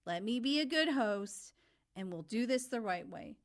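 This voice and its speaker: A man's voice: very high voice, animated, normal speed, fairly bright tone, full character voice. A woman voicing an anxious, hospitable male ferryman of souls, fretful at times and formal and grand at others.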